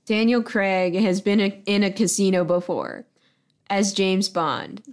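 A woman co-hosting a podcast in relaxed casual chat, tossing out playful ideas and backing up her partner with mm-hmms. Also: medium pitch, unhurried. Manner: relaxed, backchannels with mm-hmm, playful suggestions. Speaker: podcast co-host.

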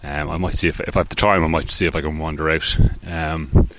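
A man's voice: rumbling low, fairly even intonation, brisk, fairly bright tone, no room sound. A man hosting a casual solo podcast, rambling along with many ums, restarts and offhand, self-deprecating asides. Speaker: podcast host.

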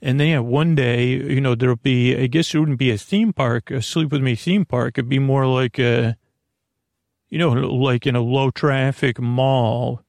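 The host of a bedtime sleep podcast speaks in a gravelly, creaky, medium-pitched voice, recorded close and dry. His improvised monologue rambles and meanders; he is gently reassuring but halting, trailing off and restating his phrases.

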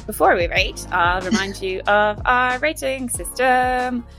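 A woman's voice: a little high, steady tone, a little slow, music in the background. A woman co-hosting a cookbook podcast, chatting enthusiastically and laughing often. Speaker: podcast co-host. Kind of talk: casual chat.

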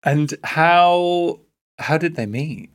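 A man's voice: a little high, animated, very slow, smooth, no echo, studio quality. A man hosting a podcast in a casual, conversational way, musing and inquisitive. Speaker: podcast host.

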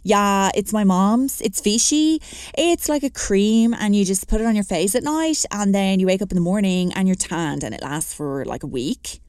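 A woman's voice: medium pitch, animated, normal speed, a little mellow, smooth, no echo, clean studio sound, natural voice. A woman voicing a smug schoolgirl. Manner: drawling, filler-heavy "like" talk. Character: smug teenage schoolgirl, know-it-all.

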